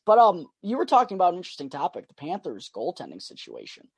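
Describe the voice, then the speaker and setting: A man's voice: high voice, huge pitch swings, fast talker, vocal fry, breathy edge, no echo. A man chatting casually about sports on a podcast, conversational with hesitant starts. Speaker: sports podcast co-host or guest.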